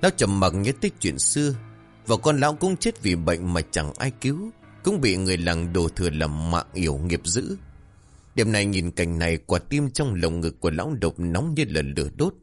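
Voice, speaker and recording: A man narrating a horror story in a dramatic, expressive way. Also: sits low, normal speed, faint music behind.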